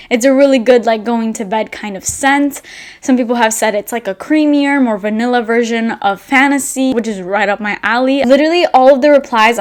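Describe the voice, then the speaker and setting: A young woman with a fairly high voice talks as a review vlogger. Her delivery is casual and chatty, addressed straight to her viewers. She speaks informally and leans often on "like" and "literally". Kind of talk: casual chatty first-impressions review to camera.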